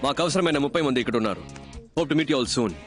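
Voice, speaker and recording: A man's voice: medium pitch, lively intonation, fast, lightly acted. A man dubbing a stern officer conducting job interviews, with film music behind. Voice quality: stern, clipped commands. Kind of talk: Telugu film dub dialogue.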